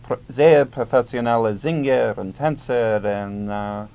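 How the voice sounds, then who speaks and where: Hesitant man with a smooth voice. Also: mid-range voice, darkish tone. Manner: halting, searches for words with many pauses. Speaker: podcast co-host. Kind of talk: casual chat.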